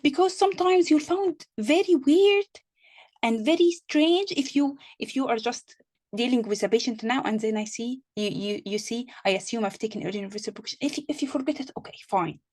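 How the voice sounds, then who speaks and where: A woman's voice: on the high side, lively intonation, brisk, a little mellow. A woman tutoring an online exam-prep session, repeating and restarting words, with reassuring asides.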